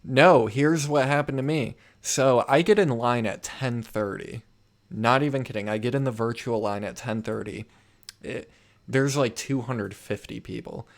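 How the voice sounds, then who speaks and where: A young man hosting a casual podcast, telling stories with lots of swearing and loud acted-out quotes. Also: mid-range voice, normal speed, vocal fry. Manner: animated storyteller, swears a lot, acts out quoted voices loudly. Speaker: podcast host. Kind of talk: casual chat.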